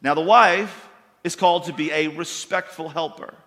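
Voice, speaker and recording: A man preaches to his congregation in a folksy, emphatic way, pressing his points and rising into louder bursts. His voice is bright and sits a little high. The sound rings with the long reverb of a church hall. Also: normal speed. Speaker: pastor. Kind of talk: sermon.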